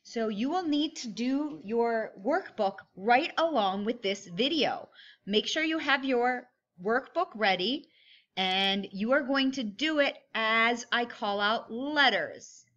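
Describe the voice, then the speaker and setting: Bright-voiced woman, kindergarten teacher, unhurried. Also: on the high side, lively intonation, dull audio. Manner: kindergarten-teacher manner, simple step-by-step directions with emphasised words. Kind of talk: instructional handwriting lesson for young children.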